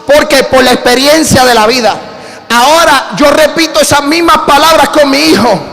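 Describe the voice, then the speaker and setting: Man, Puerto Rican accent, pastor, storytelling sermon, very high voice, reverberant church hall. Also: moderate pace. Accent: Puerto Rican Spanish. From Puerto Rico. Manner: animated storytelling with calls to the congregation. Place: church sanctuary.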